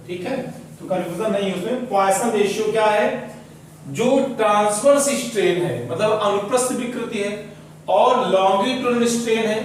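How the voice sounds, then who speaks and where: A man's voice: high-pitched, a little hiss or hum. A male physics teacher giving a classroom lecture, explaining step by step and asking and answering his own questions. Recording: roomy echo, voice from far off.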